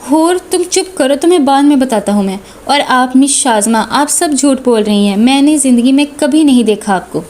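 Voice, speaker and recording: A woman reading a novel aloud, voicing a flustered, quick-tempered young man. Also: sits high, darkish tone, natural voice. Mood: flustered, angry. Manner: flustered, scolding. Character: teasing man, cousin, easily angered.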